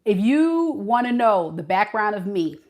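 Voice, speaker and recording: A woman's voice: medium pitch, very animated, unhurried, darkish tone. A woman from California whose speech carries some Mississippi dialect, chatting casually with her live-stream viewers and laughing often. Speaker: tarot reader reading live chat.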